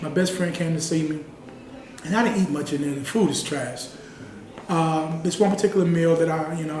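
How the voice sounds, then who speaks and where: A man's voice: on the high side, a little hiss or hum. A man giving a sit-down interview, telling a personal story in an earnest, conversational way and often saying "you know.". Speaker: interview guest. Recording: roomy sound from a distant mic with faint ambience.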